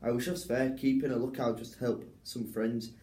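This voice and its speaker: A man's voice: mid-range voice, flat delivery, fairly quick, warm tone, natural voice. A young man playing a meek Irish convict in a class rehearsal, with a wavering put-on Irish accent, rambling and apologetic. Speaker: drama student. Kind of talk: rehearsed stage reading. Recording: roomy echo.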